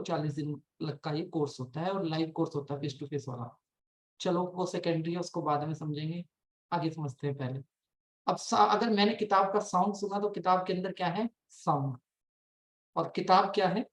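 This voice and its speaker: Emphatic man teaching in an echoey room. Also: high-pitched. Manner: emphatic, asks and answers his own questions. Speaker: life coach and meditation teacher. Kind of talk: explanatory spiritual talk.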